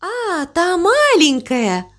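A gentle, motherly cow from a storybook who speaks softly and soothingly, with a slow and patient delivery, as a woman reading aloud puts her on. Her fairly high voice rises and falls a great deal. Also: very animated. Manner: soft, tender, soothing.

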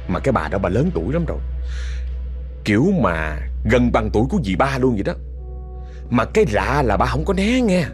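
A man's voice: medium pitch, darkish tone. A man with a Southern Vietnamese accent telling a story in a chatty, casual way, speaking directly to listeners.

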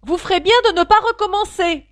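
A woman's voice: medium pitch, very animated, moderate pace, dry recording, studio quality. A woman voicing a clever, determined young girl talking things through to herself in a storybook reading. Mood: threatening.

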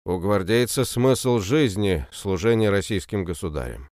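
A man's voice: fairly low pitch, animated, normal speed, a little mellow, no room sound, clean studio sound, close to an everyday voice. A man voicing a dutiful guard captain in an audiobook, with curt, solemn speech.

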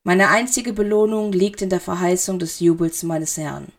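A woman voicing a bitter, guarded male wizard who speaks low and quietly to his master. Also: fairly even intonation, normal speed. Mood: submissive.

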